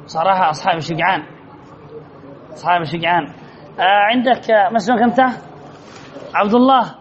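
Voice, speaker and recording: A male teacher leading a class, asking students questions, repeating their answers and reading examples slowly and deliberately. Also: sits high, steady tone. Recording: dull lo-fi recording.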